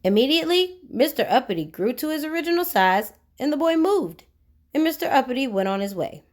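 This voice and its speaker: A woman with a high, sing-song, brisk voice reads a children's storybook aloud with animated expression. Throughout the narration, she poses questions to her young listeners.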